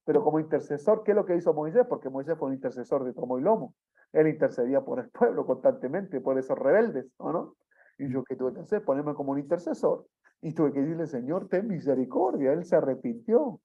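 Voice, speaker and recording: A man's voice: on the high side, lively intonation, fast talker. A man preaching a sermon, telling a testimony in a storytelling way and often adding tag questions. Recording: dull lo-fi sound.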